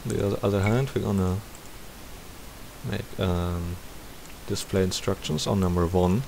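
A man with a low-pitched, creaky voice speaks at normal speed as he presents a casual game tutorial recorded from his screen, talking through each step aloud. The audio is poor, with a steady hiss behind him.

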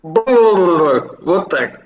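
A man's voice: high voice, animated, drawn-out words, highs cut off, a crowd in the background. A man, a stranger on a video chat, blunt and swearing. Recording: echoey room with faint noise.

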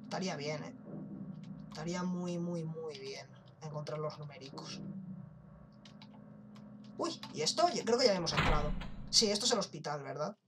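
Over game music, this young Spanish-accented man comments on his gameplay in a let's play, joking casually and swearing now and then. His voice sits on the high side at a moderate pace, and he pauses often; he's a gaming YouTuber.

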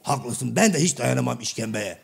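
A man voicing Karagöz, a blunt, half-deaf middle-aged male shadow-play figure who keeps mishearing and twisting his partner's words, with a gravelly, raspy voice. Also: mid-range voice, lively intonation, normal speed, heavily acted. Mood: mock-innocent. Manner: mishears everything and answers with cheeky misunderstandings. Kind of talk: comic shadow-play sketch.

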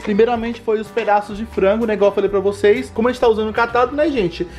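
This young adult man from Bahia, Brazil, speaks Bahian Brazilian Portuguese in a high, fast voice with a darkish tone and fairly even intonation. He hosts a home cooking vlog indoors in his kitchen, chatting casually and teasing his viewers, with faint music behind him.

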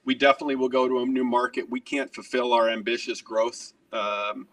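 A man's voice: medium pitch, brisk, distant mic. A middle-aged man, a restaurant executive, talking earnestly and energetically in a video interview from his home office. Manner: earnest, energetic, gestures while talking, repeats words. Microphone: webcam on a video call.

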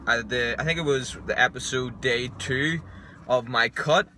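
A young man, narrating his fitness vlog in a relaxed, chatty way and swearing casually, recorded on a camera mic. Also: medium pitch, unhurried, a little hiss or hum. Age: young adult. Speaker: fitness vlogger. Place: gym, parked car, home kitchen.

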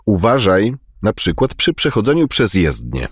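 Low, husky man reading phrases. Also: huge pitch swings, normal speed, dry recording, studio quality. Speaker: Polish phrase reader. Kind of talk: clear phrase reading for learners.

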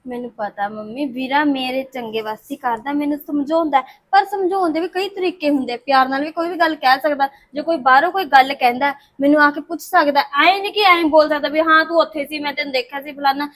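An actress plays a young married daughter, hurt and arguing back. Her voice is high and her words come fast. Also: fairly bright tone. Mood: reproachful. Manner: reproachful, argumentative.

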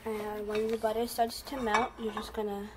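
A teenage guest cook walks through a casual kitchen demo at home, talking at normal speed in a mid-range, flat voice. She's chatty and hesitant, leaning on fillers. It was shot on a handheld phone, and the recording is noisy.

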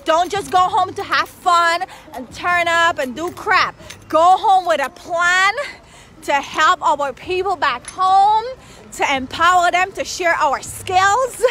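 A woman in her forties, a financial advisor, live-streaming an excited, chatty vlog on her phone while walking down a city street. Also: very high voice, slow pace. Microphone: phone at arm's length. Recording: faint traffic noise outdoors. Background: street traffic.

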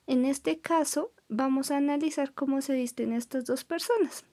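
A young woman teaching an English vocabulary lesson, modelling each word's pronunciation slowly and clearly, switching between English and Spanish. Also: sits high, dark tone. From Colombia. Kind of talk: recorded classroom lesson.

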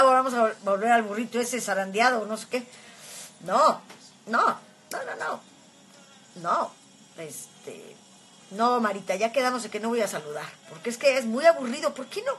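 A Mexican woman in her fifties hosts a chatty phone livestream, reading viewers' comments aloud with affection and many filler words. Her voice sits a little high. Soft music plays faintly behind her. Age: 50s. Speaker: livestream host.

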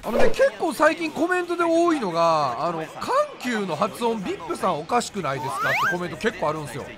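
A young game YouTuber with a Kansai Japanese accent commentates his own gameplay in an excitable, high voice that swings wildly. He talks fast and bursts into rapid repeated exclamations while game music plays clearly behind him.

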